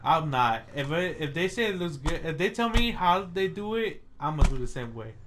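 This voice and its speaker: Laid-back young man chatting, a bit high. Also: normal speed, background noise. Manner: relaxed, swears casually, laughs often. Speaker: podcast co-host. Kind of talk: casual chat.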